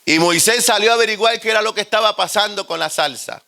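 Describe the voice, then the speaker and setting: A man with a Puerto Rican accent preaching a humorous storytelling sermon, animated and joking. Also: high voice, quick pace, vocal fry.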